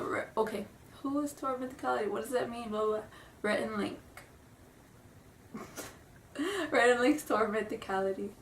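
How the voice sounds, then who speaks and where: Recorded on a distant, roomy home camera with a little hiss or hum, a young woman in a room at home rambles nervously through a casual vlog. She sounds stuffy from a cold, keeps apologizing and giggles. Her voice is mid-range.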